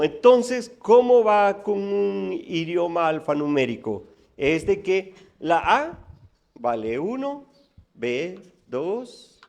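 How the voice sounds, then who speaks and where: A male teacher lectures a room of students on mathematics. His voice sits a little high, and he speaks slowly and deliberately. He keeps putting questions to the audience and counting off numbers one by one. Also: gravelly, darkish tone. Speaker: math teacher giving a conference talk.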